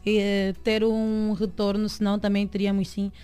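A woman radio host putting formal, measured questions to her guest. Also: medium pitch, completely flat delivery, warm tone, smooth. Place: radio studio.

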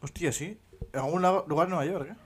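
A man on a podcast, chiming in with short, rapid remarks in casual chat. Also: a little high. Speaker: podcast co-host.

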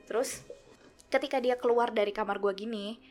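A woman's voice: a little high, moderate pace, soft background music. Young woman telling a ghost story. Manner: animated, acts out quoted voices. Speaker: guest storyteller.

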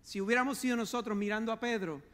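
A man's voice, very high and bright, preaches a fervent sermon. He calls his listeners brother and drops English words into his delivery. Long reverb trails behind him, as in a church hall. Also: fairly even intonation, quick pace. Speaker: pastor.

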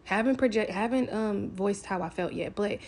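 A woman's voice: medium pitch, moderate pace, darkish tone. A woman talking candidly to camera, telling a personal story in a casual, frank way, swearing freely and filling with "like".

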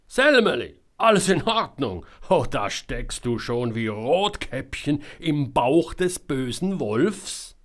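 A man voicing a loud, boisterous male boss who roars, jokes and teases. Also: mid-range voice, very animated, slow, hardly any pauses. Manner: roaring, laughing, teasing.

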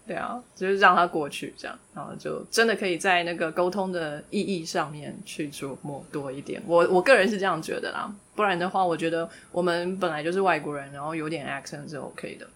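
A woman hosting a casual conversation, speaking in a relaxed, reflective way. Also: on the low side, fairly quick, hardly any pauses, a little hiss or hum. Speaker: host.

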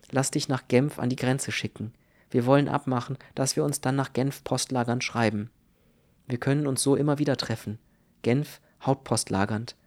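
A man voicing an earnest young man in a spoken audiobook, speaking calmly and reassuringly. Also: medium pitch, close to an everyday voice. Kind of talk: audiobook reading.

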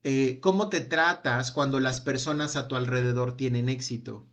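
A man leading a self-help workshop, asking a long run of gentle reflective questions that trail off with a quiet "no?". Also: medium pitch, normal speed, lo-fi sound. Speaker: workshop speaker.

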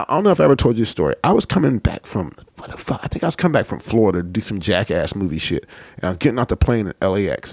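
Lively, gravelly man telling stories. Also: on the low side, dry recording. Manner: animated storytelling, laughs often, swears freely. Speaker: podcast host. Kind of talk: casual chat.

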